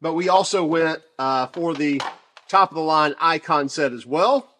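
A man casually reviewing shop tools off camera, talking in a chatty, relaxed way with many fillers and restarts. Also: on the high side, measured pace, slight background noise. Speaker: tool reviewer.

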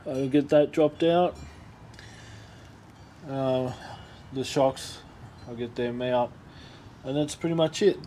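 A man's voice: mid-range voice, slight background noise. A man talking casually to camera as he works on a car in a home garage, thinking aloud as he goes. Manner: relaxed, chatty, thinking aloud while working. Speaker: car restoration vlogger. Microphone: phone or action camera.

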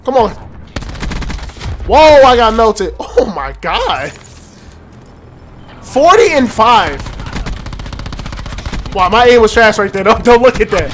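A young man giving excitable, trash-talking commentary over his own gameplay, often laughing. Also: extremely high pitch, takes it slowly, pauses often, slight background noise. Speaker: gaming YouTuber. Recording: faint game gunfire behind. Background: gunfire.

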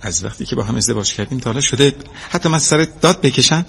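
A man's voice: medium pitch, animated, gravelly, breathy edge. A man playing a tired, defensive husband in an audio drama, pleading and insisting it was a joke. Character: tired, defensive husband caught holding a knife. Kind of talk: amateur audio drama acting.

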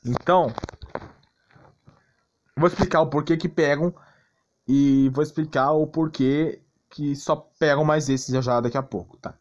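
The muffled recording captures a Brazilian gaming channel host with a fairly high, steady voice, talking a little slowly with long pauses. He walks through gameplay casually yet bluntly, sounding exasperated and repeatedly asking whether the listener follows. Clicks and background noise run underneath.

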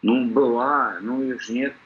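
A middle-aged man on a video call keeps hammering the same questions and insists on a straight answer. His voice is of ordinary pitch, and it comes through a somewhat dull, lo-fi call line. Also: fairly even intonation, unhurried. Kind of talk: heated casual argument.

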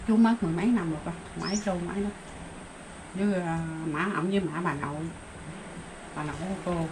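A woman's voice: fairly low pitch, fast talker. Older Southern Vietnamese woman, plain-spoken. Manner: plain-spoken, rambling, with exclamations. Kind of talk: casual rural storytelling. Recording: noticeable background noise.

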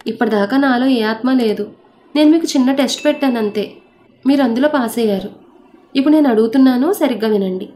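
A woman's voice: on the high side, a little fast, warm tone, slight background noise, lightly acted. A woman voicing a smug rich young man. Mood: brisk. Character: rich arrogant young man, teasing and commanding.

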